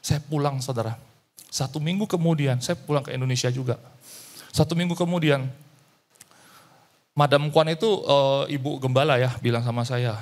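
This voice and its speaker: A man's voice: mid-range voice, moderate pace, long pauses. A male pastor telling a story in a sermon, acting out the dialogue and slipping into English phrases.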